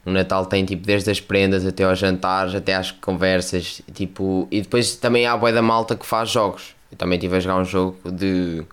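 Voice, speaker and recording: A man's voice: deep voice, flat delivery, normal speed, few pauses, clear, resonant tone. A young man with a European Portuguese accent, hosting a solo podcast in a casual, rambling way, full of slang and swearing. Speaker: podcast host.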